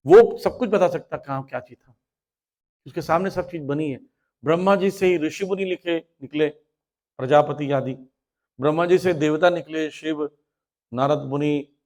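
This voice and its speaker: A man teaching a Hindi spiritual lecture, telling stories, acting out voices and chanting Sanskrit verses. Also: a little high. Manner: acts out quoted voices, animated storytelling.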